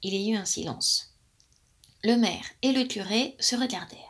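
A woman reading a storybook tale aloud in a lively, playful manner. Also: medium pitch, moderate pace.

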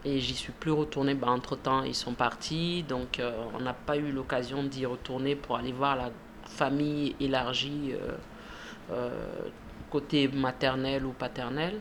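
A woman's voice: extremely low pitch, flat delivery, moderate pace, slight background noise. A woman in her thirties from Ivory Coast, a shop manager, answering interview questions hesitantly with frequent fillers and laughs. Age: 30s. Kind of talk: radio interview.

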